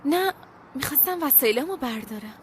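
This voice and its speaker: An actress voicing a troubled young woman who answers quietly in short, guarded replies. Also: high voice, expressive, a little hiss or hum. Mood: subdued. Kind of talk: TV drama dub.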